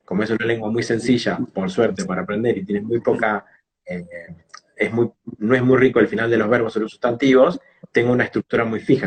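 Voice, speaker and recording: In this interview, an English teacher and phonetics specialist with a Rioplatense Argentine accent teaches through everyday examples. His voice runs on the low side, and the poor audio carries a little hiss or hum.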